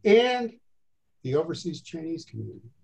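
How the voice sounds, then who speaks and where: An older man teaches over a video call, his voice sitting a little high for a man. He is chatty and wry, asking rhetorical questions and tossing in dry asides as he walks through his notes. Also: very animated, moderate pace, creaky, a little mellow, dull audio. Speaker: instructor. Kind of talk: lifelong learning history lecture over video call.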